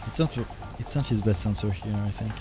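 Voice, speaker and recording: A man with a French accent, a native French speaker, giving halting live game commentary with a tired voice. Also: fairly low pitch, over music. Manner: halting, repeats words while searching for English. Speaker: game streamer.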